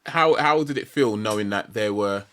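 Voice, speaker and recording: Deep-voiced British man hosting an interview. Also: normal speed, fairly bright tone. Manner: informal, reflective questioning. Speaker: podcast host. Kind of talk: conversational interview.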